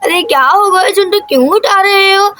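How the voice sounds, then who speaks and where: A woman's voice: very high-pitched, moderate pace, sharp tone. A woman voicing a scolding village mother in a cartoon.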